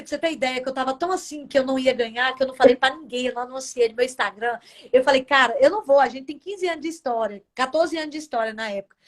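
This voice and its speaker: Brazilian woman, gospel singer, high voice, emotional testimony over a video call. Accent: Brazilian Portuguese. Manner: emotional storytelling, acts out her own past words. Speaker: gospel singer, interview guest. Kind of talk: casual testimony in a radio interview.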